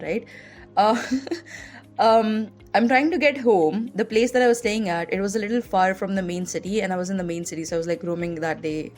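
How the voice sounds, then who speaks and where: A young woman with an Indian English accent and a mid-range voice hosts a podcast, telling personal stories in a loose, chatty manner with "like" sprinkled everywhere. Soft music plays faintly underneath.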